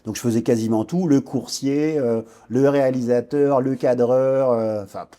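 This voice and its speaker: Guest on a podcast interview, an entrepreneur from French Guiana in his forties narrates his career thoughtfully. His voice is mid-range and dark, delivered at normal speed, broken up by regular hesitations and restarts.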